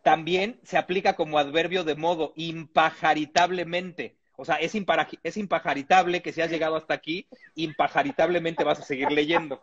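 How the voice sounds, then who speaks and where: Husky-voiced man reading aloud. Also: on the high side, fairly quick, hardly any pauses, lo-fi sound. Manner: lively reading with chuckles and comic asides. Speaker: reader of a humorous text.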